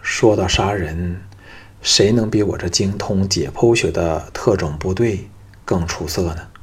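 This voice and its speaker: A man voicing a cunning young male soldier who speaks calmly and curtly in an audiobook. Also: sits low, unhurried, breathy edge, heavily acted.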